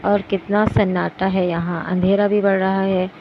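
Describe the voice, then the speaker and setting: A woman reading the lines of a touchy, quick-tempered teenage girl in an audiobook, sounding indignant and snappy. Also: mid-range voice, level tone, lightly acted. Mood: nervous. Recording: dull lo-fi recording with background noise.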